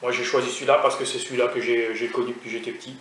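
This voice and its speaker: A young man raised in France, a food vlogger, chats casually with a mid-range, fairly bright voice, racing along in a flat delivery. He is hesitant, full of fillers and restarts, and jokes at his own expense with self-mocking humor. The recording comes from a distance in an echoey room, his voice off mic, with faint noise.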